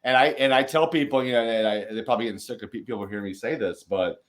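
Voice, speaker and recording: Energetic man hosting a casual chat. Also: medium pitch, fast. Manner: energetic, rambling with many fillers and restarts. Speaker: podcast host.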